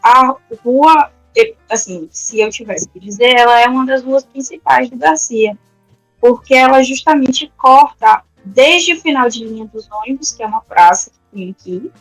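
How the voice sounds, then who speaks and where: A woman who teaches and does research, and lives in a neighborhood of Salvador, Brazil, guests on a podcast in a casual conversational interview. She speaks at a moderate pace in a high-pitched voice, explaining with plenty of fillers and restarts. Soft music plays behind her; there's no echo, but the audio is poor.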